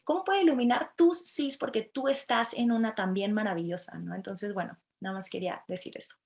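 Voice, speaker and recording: A woman co-hosting a podcast, speaking in an animated and playful way. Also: medium pitch, fairly quick, creaky. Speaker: podcast co-host. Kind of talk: casual podcast chat.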